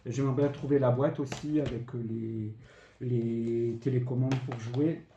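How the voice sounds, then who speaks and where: A man's voice: mid-range voice, steady tone, moderate pace, dull audio. A man casually showing off retro video games he bought, listing the prices with lots of fillers. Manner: chatty, lists items and prices with many fillers. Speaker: retro game collector vlogger. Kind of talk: casual show-and-tell of purchases. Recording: echoey room, faint background noise.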